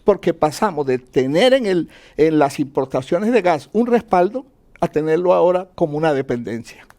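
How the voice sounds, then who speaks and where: On the high side with a darkish tone, this Colombian man's voice is very animated, though his speed stays normal. He talks as an economist in an interview, explaining didactically, listing points, and answering questions he puts to himself.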